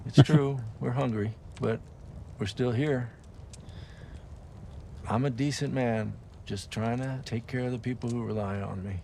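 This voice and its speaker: An actor playing a calm, gently persuasive preacher who leads a hungry group, in a TV drama scene. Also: male voice, mid-range voice, measured pace, gravelly, slight background noise. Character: soft-spoken man, a preacher leading a hungry group. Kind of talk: TV drama acting.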